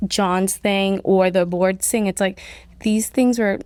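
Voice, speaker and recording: Guest: woman, 30s, from Colombia, chatty with constant fillers, mid pitch, dry close mic. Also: steady tone, slow pace, a little mellow, smooth, dry recording. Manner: chatty, many "like" fillers, laughs often. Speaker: nonprofit CEO, guest. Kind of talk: casual interview conversation.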